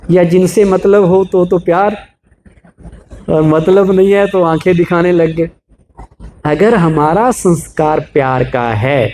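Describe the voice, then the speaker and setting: A man's voice: fairly high pitch, a little mellow, slight background noise. A man giving a spiritual, motivational talk to a live audience, asking them rhetorical questions and explaining with everyday examples. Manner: asks the audience rhetorical questions, calls for raised hands. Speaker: spiritual speaker.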